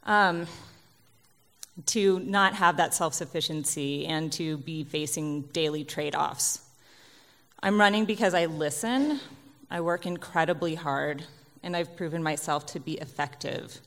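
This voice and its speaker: A woman's voice: deep voice, unhurried, a bit bright. A woman running for re-election as county commissioner gives a prepared opening statement in an earnest, practiced way. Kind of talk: prepared campaign speech. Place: auditorium hall. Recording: reverberant hall.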